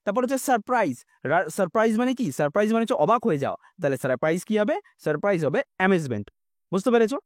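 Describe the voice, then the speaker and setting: A man's voice: high voice, big pitch swings, fast, no room sound, studio quality. A man with a Bengali accent teaching an exam-prep English lesson, patiently explaining and often asking if students understood.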